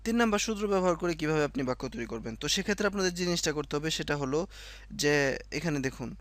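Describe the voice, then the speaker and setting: A man's voice: on the high side, expressive, fast, a bit bright, no echo. A man teaching French in a casual spoken lesson, explaining step by step and correcting himself often. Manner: explains step by step, repeats himself, many fillers and self-corrections.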